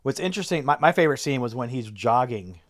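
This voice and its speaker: A man co-hosts a podcast and talks through his theories about a film in an analytical, casual way, often restarting his sentences. His voice sits at an ordinary pitch, recorded close with no echo. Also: animated, fast talker. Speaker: podcast co-host. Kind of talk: casual chat about a movie.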